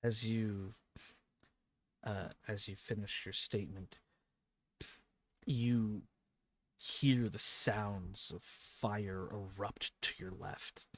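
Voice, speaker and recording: Slow, gravelly-voiced male game master. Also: fairly low pitch, fairly even intonation. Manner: descriptive, with frequent "uh" pauses. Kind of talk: narrating a tabletop game.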